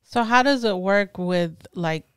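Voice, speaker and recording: A woman's voice: mid-range voice, measured pace, smooth, dry recording. A young woman who grew up in Ethiopia or Eritrea, hosting a podcast and asking curious, loosely phrased questions from a studio couch. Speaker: podcast host. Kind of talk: casual interview questions.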